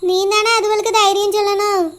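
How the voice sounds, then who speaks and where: A woman voicing a village woman in a cartoon, gently reassuring her older sister. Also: little pitch movement, a little fast. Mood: soothing. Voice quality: high, bright cartoon voice. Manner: soothing, reassuring. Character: comforting village woman, the mother's younger sister.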